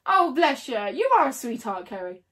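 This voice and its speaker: Woman, bubbly chatter, fairly high voice, livestream talk to viewers. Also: big pitch swings, normal speed, a bit bright. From United Kingdom. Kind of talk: casual livestream chat while building.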